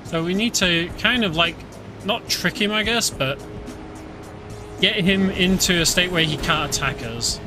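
Playing a video game on stream, a British man with a high-pitched voice talks in an unhurried way, chatty and full of fillers as he explains the game. Game music can clearly be heard beneath his commentary.

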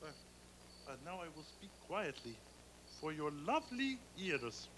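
Grandiose lovesick flamingo opera singer Placido Flamingo. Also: male voice, extremely high pitch, animated, moderate pace, a bit bright, slight background noise, poor audio. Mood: hushed, devoted. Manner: florid, theatrical, bursts into operatic crooning. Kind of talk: children's TV puppet comedy.

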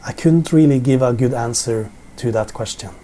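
A middle-aged man from Norway speaks in a warm, medium-pitched voice at normal speed, teaching the Bible informally to a camera in front of him. Seated on his living room sofa, he uses English with a Norwegian accent and often repeats words while reaching for them.

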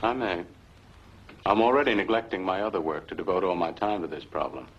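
An actor playing a middle-aged doctor, earnest, precise and formal, in a 1950s film. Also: male voice, sits low, fairly quick, breathy edge. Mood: grave, concerned. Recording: muffled old 1950s film soundtrack.

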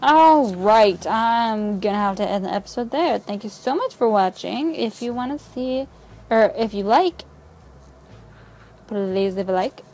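A woman's voice: fairly high pitch, animated, unhurried, darkish tone, poor audio. A young woman casually commenting while playing a video game, chatty and prone to swearing. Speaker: let's play host. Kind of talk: casual let's play commentary.

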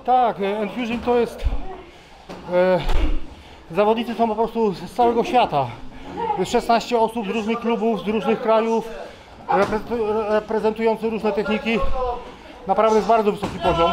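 A sweaty man around forty answers questions in a halting way, often restarting his words, his voice fairly high for a man. He talks into a handheld mic in an indoor gym, with a loud crowd of people training all around. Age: about 40. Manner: halting, with many restarts and fillers. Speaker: kickboxer being interviewed. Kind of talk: casual interview answers. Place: busy indoor fight gym during training. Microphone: handheld interviewer mic.

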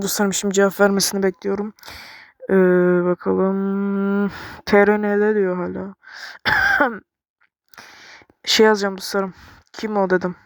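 A woman giving excited gameplay commentary, chatty and talking straight to her viewers, recorded on a bassy microphone. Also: no echo, clean studio sound. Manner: excitable, frequently yelling to her game companion; chatty, addresses viewers directly. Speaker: gaming video creator.

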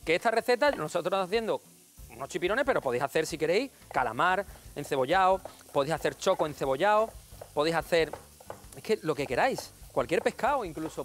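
A man demonstrating a recipe on a TV cooking show, chatty and playful, joking with viewers. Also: high voice. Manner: playful and jokey, addressing viewers as family. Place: TV studio kitchen.

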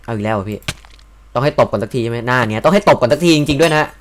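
A man's voice: mid-range voice, rapid-fire, a little hiss or hum. Chatty young man commenting on a game. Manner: chatty, joking, loud exclamations. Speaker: gaming video host. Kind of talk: casual Minecraft commentary.

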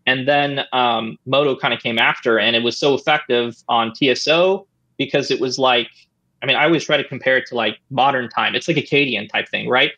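A man in his thirties, a former esports player appearing as an interview guest, tells old stories in a relaxed, rambling way, full of "I mean" and "right?". He talks fairly quickly from a room at home, using a studio mic on a boom arm and a headset, though the recording sounds muffled.

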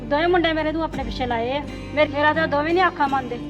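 A woman playing a jealous, nagging mother-in-law in a Punjabi village drama, taunting and quick. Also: high voice, dull audio, over music, lightly acted. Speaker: actor in family drama.

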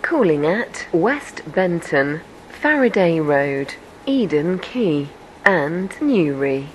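A woman's voice: fairly low pitch, big pitch swings, takes it slowly, rough recording. A woman's recorded voice making automated onboard train announcements in polite, formal announcer phrasing. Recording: loud hiss with clicks.

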